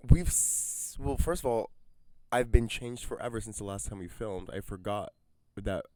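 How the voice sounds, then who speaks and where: Laid-back slangy young man, lowish voice. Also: normal speed, mellow, no echo. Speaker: podcast co-host. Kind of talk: casual chat.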